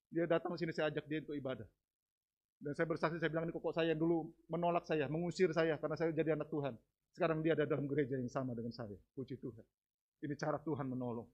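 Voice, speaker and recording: A man preaching a sermon testimony in church, dramatic and swinging between hushed and loud. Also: a little high, highs cut off.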